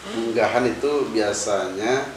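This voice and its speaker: A man speaking as a preacher in a casual religious discussion, pausing often with fillers as he thinks aloud. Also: lowish voice. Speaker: Islamic preacher. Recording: echoey room, distant mic, faint hiss.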